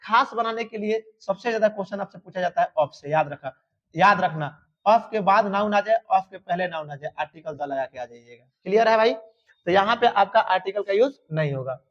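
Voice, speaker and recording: High-voiced emphatic teacher. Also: male voice, animated, normal speed, a bit bright. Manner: emphatic, repetitive, addresses students fondly. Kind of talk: exam-prep grammar lesson. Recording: dull lo-fi sound.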